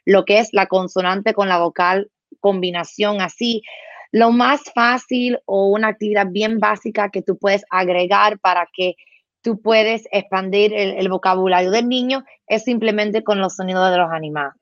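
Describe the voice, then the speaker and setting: A woman's voice: mid-range voice, steady tone, normal speed, no echo, highs cut off. A woman speech therapist explaining simple activities, slipping English words into her Spanish and imitating animal sounds. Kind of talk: explaining to a host.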